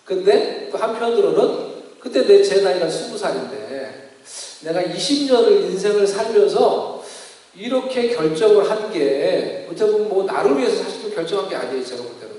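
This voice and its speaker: High-voiced pastor in an echoey hall. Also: male voice, normal speed. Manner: storytelling, acts out quoted voices, animated. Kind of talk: sermon with personal testimony. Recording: echoey hall, distant mic.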